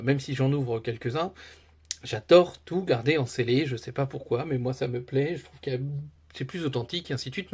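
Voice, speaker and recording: Male collector vlogger, husky, mid pitch, casual and enthusiastic, rambling delivery. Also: a little mellow. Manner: chatty and enthusiastic, many fillers and restarts. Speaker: card collector YouTuber. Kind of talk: casual chat to camera.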